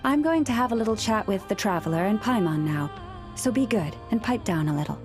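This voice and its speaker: Woman as composed, gently wry young game heroine. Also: medium pitch, lively intonation, music in the background, natural voice. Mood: gently indulgent. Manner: measured, articulate, gently wry. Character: gentle, composed young woman who understands animal speech. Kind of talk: video game voice acting.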